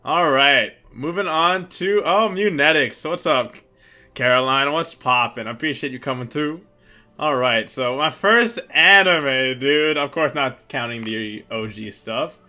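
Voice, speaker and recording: A young man with a bright, forward voice chats casually as co-host, working through viewer questions. His talk is loose and rambling, full of fillers and quick laughs, with faint music under it. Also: mid-range voice. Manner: laid-back, rambling, lots of fillers and laughs. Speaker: channel co-host.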